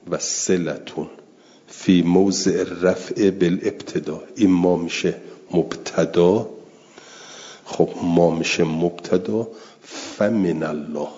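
A man with a low, warm voice teaches a religious lesson, conversationally walking through an Arabic text word by word and repeating each term as he defines it. The recording is dull and lo-fi, with a long reverb.

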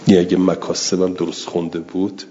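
A man's voice: deep voice, flat delivery, mellow, slight background noise. A man teaching a religious lesson, explaining an Arabic text word by word in a conversational way and repeating terms as he defines them. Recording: dull lo-fi recording with long reverb.

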